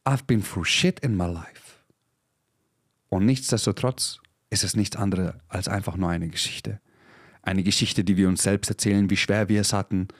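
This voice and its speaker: A man's voice: sits low, moderate pace, no room sound, clean studio sound. Intense preachy man in his thirties. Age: 30s. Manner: intense, preachy, swears, drops English phrases. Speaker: podcast host. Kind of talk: motivational podcast monologue. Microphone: podcast microphone.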